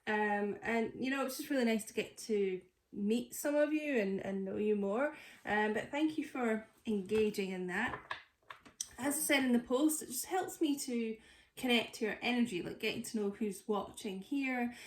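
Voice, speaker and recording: A woman with a cold-stuffed nose chats casually through a tarot reading, filling it with lots of fillers. Her voice is a little high and moderately paced, recorded in an echoey room.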